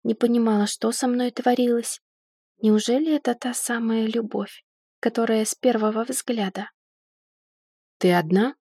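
A woman narrating an audiobook in the first person, in a lively and ironic storytelling manner. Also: a little high, moderate pace, husky, no room sound, studio quality.

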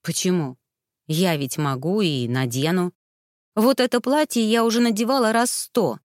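A wry young noble lady, voiced by a woman reader, speaking low and unhurried with a teasing calm. The storybook voice sits close and dry. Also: no echo, lightly acted.

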